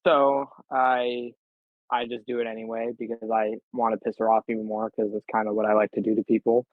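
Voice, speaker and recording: A man's voice: lowish voice, flat delivery, a little fast, no echo. A man co-hosts a casual podcast and tells crude, rambling stories. His voice comes through tinny and dry, like a phone-quality voice chat with no room sound. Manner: crude, profane, rambling storyteller. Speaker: podcast co-host.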